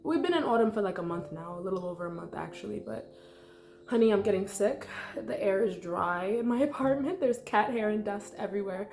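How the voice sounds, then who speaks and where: A congested young woman who vlogs about meditation talks casually through an unscripted guided meditation in her apartment, rambling with lots of "likes" and "ums." Her medium-pitched voice is a little mellow, animated, and brisk. The room is echoey, with faint music in the background.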